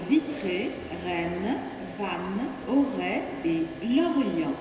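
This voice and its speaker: A woman giving formal train departure announcements over a station public address loudspeaker, recorded from far off in a large station hall. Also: fairly high pitch, background noise. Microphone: recorded from the platform, not at the speaker. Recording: echoey hall from far off, music behind.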